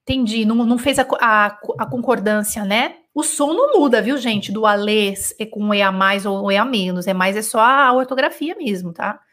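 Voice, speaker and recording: A woman's voice: medium pitch, lively intonation, moderate pace, hardly any pauses, fairly bright tone. A Brazilian woman teaching French in a chatty live online lesson, answering comments and repeating sounds to show their rhythm. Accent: Brazilian Portuguese.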